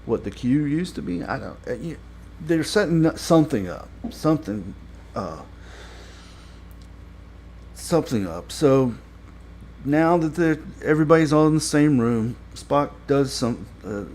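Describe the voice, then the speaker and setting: A man giving a casual spoken review, rambling and halting with many fillers and restarts, blunt and critical. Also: fairly high pitch, expressive, a little mellow, slight background noise. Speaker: show reviewer.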